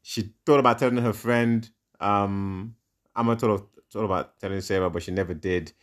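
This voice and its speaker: A man in a casual podcast chat, retelling a film plot. His voice is very low. He rambles and acts out the scenes as he goes. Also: fairly even intonation, moderate pace. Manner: rambling, dramatizing, laughs often.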